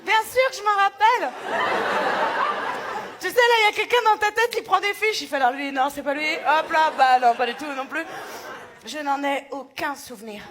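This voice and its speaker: A woman's voice: high voice, moderate pace. A woman in her forties doing stand-up crowd work and telling stories in a chatty, self-mocking way, laughing often. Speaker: stand-up comedian. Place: theater stage with live audience. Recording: loud crowd and noisy live recording. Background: loud audience laughter.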